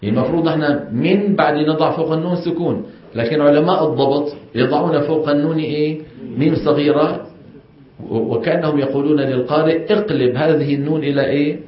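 A man's voice: a little high, fast. Man teaching in an echoey room. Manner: explains step by step, questions the class, models the sounds. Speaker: Quran recitation teacher. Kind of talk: classroom lesson. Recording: echoey room, dull sound.

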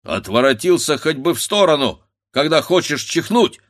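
A stubborn old village grandfather, as a man reads him, grumbling and muttering to himself in a lively, swooping voice. His talk leaps from low mutters to loud cries, and he speaks slowly. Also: no room sound, clean studio sound, heavily acted.

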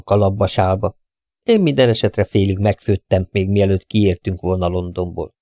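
Gravelly male audiobook narrator. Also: deep voice, no echo, studio quality. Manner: calm, even storytelling. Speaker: audiobook reader. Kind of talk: first-person audiobook narration.

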